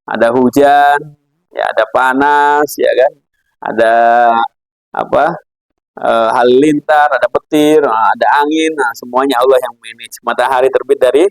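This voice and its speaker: Chatty man teaching with lively stories. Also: a little high, dry recording, poor audio. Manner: chatty, laughs often, acts out quoted characters. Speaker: Islamic philosophy teacher. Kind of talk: casual religious lecture with anecdotes.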